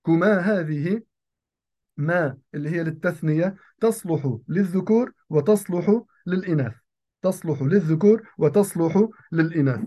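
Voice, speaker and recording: A man giving a grammar lesson, who repeats key phrases and slows down to say the example sentences. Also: on the high side, dark tone. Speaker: teacher of Arabic grammar. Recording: dull lo-fi recording.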